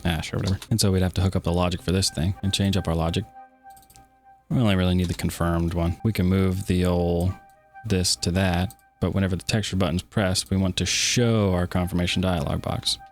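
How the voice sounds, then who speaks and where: A man's voice: sits low, little pitch movement, fairly quick, faint music behind. A man casually walking through a game development tutorial, joking and self-deprecating as he works. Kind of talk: casual screen-recorded tutorial.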